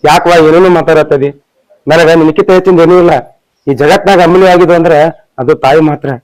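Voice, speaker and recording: A man's voice: on the high side, fairly even intonation, a little fast, darkish tone, faint music behind, close to an everyday voice, rough recording. An actor playing a hurt adopted son with a North Karnataka accent who reproaches his mother. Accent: North Karnataka Kannada.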